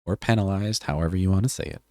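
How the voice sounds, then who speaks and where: A man's voice: fairly low pitch, expressive, moderate pace, no room sound, clean studio sound. A man streaming live, reading a policy aloud and joking casually with his chat, often swearing. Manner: joking, offhand, swears freely.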